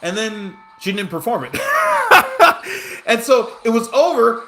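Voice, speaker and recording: A man's voice: sits high, animated, normal speed, fairly bright tone. A young man chatting casually over his gameplay, rambling and self-deprecating while telling a story. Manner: rambling, self-deprecating, frequent fillers and restarts. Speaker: gaming streamer.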